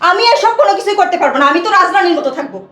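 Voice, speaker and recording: A woman's voice: very high-pitched, expressive, rapid-fire, fairly bright tone, echoey room. An actress playing a spoiled, arrogant young wife who mocks and defies her in-laws in a short-film drama. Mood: defiant. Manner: mocking, defiant.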